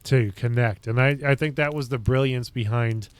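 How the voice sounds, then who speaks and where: Smooth and medium-pitched at a moderate pace, this livestream host hails from upstate New York. He keeps things casual, talking with viewers and musing aloud in rambling, loose sentences.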